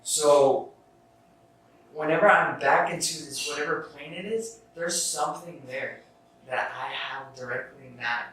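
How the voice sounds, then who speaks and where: A man's voice: fairly high pitch, a little slow, a bit bright. A young man hosting a casual self-help podcast, rambling through his thoughts with restarts and casual swearing. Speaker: podcast host. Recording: echoey room, far from the mic, faint noise.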